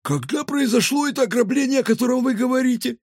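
A man's voice: extremely high pitch, slightly rough, dry recording, clean studio sound, voice pushed up, heavily acted. A man reading a children's audiobook, voicing a whiny, indignant male street cat who is a petty thief. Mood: chatty. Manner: squealing, indignant, fast protests. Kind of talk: audiobook character voice.

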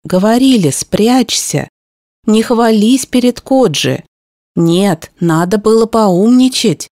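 A woman playing a sharp-tongued young woman, hissing, scolding, dry close sound. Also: medium pitch, lively intonation, slow pace, no echo. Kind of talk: audiobook reading.

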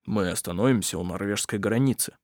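A man's voice: medium pitch, brisk, no room sound, clean studio sound, close to an everyday voice. A man doing an earnest, protective father. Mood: earnest worry. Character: worried middle-aged father, protective.

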